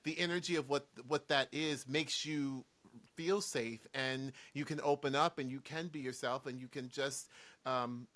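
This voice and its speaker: Bright, excitable stammering man host. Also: medium pitch, unhurried. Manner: excitable, stammering with many restarts. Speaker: podcast co-host. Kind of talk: casual podcast chat.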